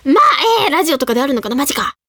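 A woman's voice: sits high, racing, no echo, clean studio sound. A young woman from Saitama hosting a radio show, chatting in a bubbly, giggly way and reading out listener mail. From Saitama, Japan. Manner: bubbly, giggly, animated storytelling. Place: radio studio. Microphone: studio microphone.

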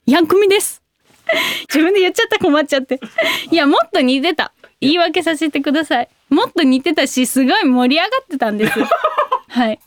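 A young woman hosting a radio show, chatting casually and reading listener mail with bubbly, excitable reactions. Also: high-pitched, no room sound. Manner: bubbly, excitable, quick exclamations.

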